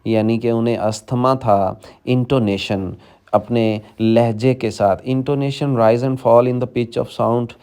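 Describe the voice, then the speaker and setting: A man teaching English in a bilingual lecture, reading the text slowly and explaining it in Urdu to his students. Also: mid-range voice, steady tone, warm tone, smooth. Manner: reads English slowly word by word, then explains quickly in Urdu; addresses students directly as children.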